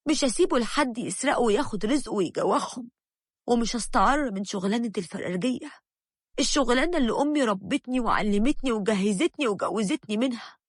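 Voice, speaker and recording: A woman's voice: on the high side, dry recording, clean studio sound. A woman voicing a hurt, resolute young Egyptian wife.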